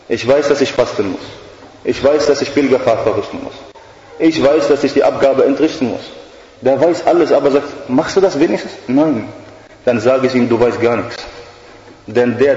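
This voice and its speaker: A man's voice: medium pitch, darkish tone. A male preacher giving a sermon in an earnest, emphatic way, mixing in Arabic religious phrases, in an echoey hall with dull sound.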